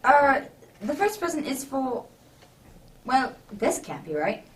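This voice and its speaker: A woman's voice: high-pitched, sing-song, takes it slowly, slight background noise, heavily acted. A woman playing a kindly, bluff doctor dressed as Santa Claus in a radio drama, with hearty old-fashioned exclamations. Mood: kindly, puzzled. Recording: distant microphone.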